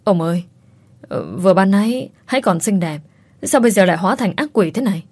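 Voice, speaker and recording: A woman's voice: medium pitch, expressive, fairly quick, a little mellow, breathy edge. Woman doing a whimpering male servant. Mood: pleading. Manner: pleading, whimpering. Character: frightened whining male servant.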